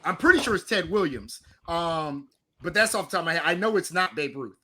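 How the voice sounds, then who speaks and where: A man's voice: on the high side, lively intonation, a little fast, sharp tone, a little hiss or hum. A man co-hosting a podcast, arguing sports in a casual, teasing way and laughing often. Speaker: podcast co-host.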